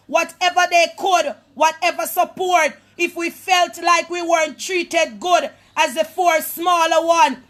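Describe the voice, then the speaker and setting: A woman prophetess giving a fervent personal testimony to an online audience, often raising her voice toward a shout and addressing listeners as people of God. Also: extremely high pitch. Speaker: prophetess and apostle.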